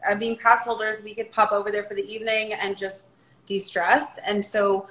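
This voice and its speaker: A woman's voice: medium pitch, flat delivery, normal speed, fairly bright tone, reverberant, a little hiss or hum, rough recording. A woman in her thirties, a podcast guest, talking in an easygoing, chatty way. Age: 30s. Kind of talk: casual chat.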